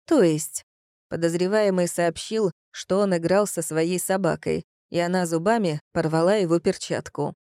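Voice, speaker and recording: A woman narrating a detective story in a measured, even reading manner. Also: on the low side, no room sound, clean studio sound. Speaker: audiobook narrator. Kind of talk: scripted narration.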